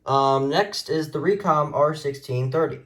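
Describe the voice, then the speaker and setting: Speaking unhurriedly, a man with a fairly bright voice on the high side shows gadgets into a handheld phone camera. His talk about his radio collection is casual, hesitant and rambling, with slight background noise.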